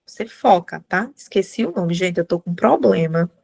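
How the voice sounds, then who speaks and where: A woman's voice: on the low side, expressive, moderate pace, gravelly, mellow, husky. A woman teaching a writing class live, chatty, often checking in with students. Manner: chatty, addresses students as gente, many tag questions.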